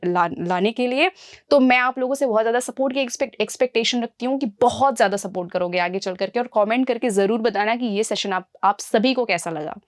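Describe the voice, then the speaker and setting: A young woman runs an exam-prep grammar class in a fairly high voice. She calls her students "beta" and "guys" and answers her own questions. The sound is dry and close, with no room echo. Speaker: English teacher.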